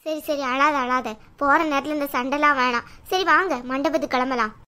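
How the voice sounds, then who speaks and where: Woman doing a cartoon mother-in-law, very high and bright, scolding, exasperated. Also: quick pace. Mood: placating. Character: fretful middle-aged mother-in-law hurrying family. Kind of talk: cartoon voice acting.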